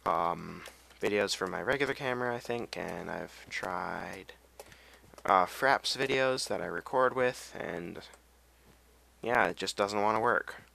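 A man's voice: on the low side, measured pace, vocal fry, pushed and bright, slight background noise. A young man giving casual, rambling commentary over a video game, humming and drifting off on tangents. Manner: rambling, goes off on tangents, hums and sings to himself. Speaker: gameplay commentator.

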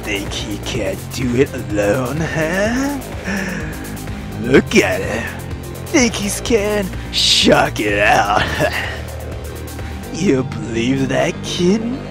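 A woman puts on a cocky male rogue with a voice dropped far below her own, slow and sneering. He drawls his threats with cruel ease and lively swings in pitch, like a game villain sure of his win. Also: music in the background, heavily acted. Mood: taunting. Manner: taunting, drawled.

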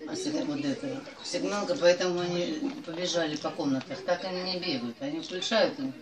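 A woman's voice: on the low side, brisk, a crowd in the background. A woman chatting casually over a meal, talking with a mouth full of pasta and explaining things at length. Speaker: mukbang vlogger. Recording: roomy, distant mic, loud TV behind.

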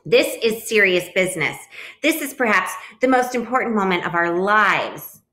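A woman's voice: mid-range voice, very animated, normal speed, sharp tone. A woman voicing an earnest, somewhat formal male goose in a storybook. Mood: stern. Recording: roomy echo.

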